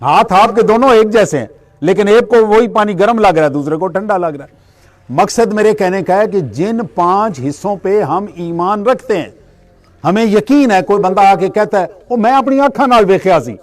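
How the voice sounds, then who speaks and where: A middle-aged man delivers a spiritual lecture in a high-pitched voice. He works through everyday examples and poses questions that he then answers himself. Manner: explains with everyday examples, asks and answers his own questions. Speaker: religious speaker.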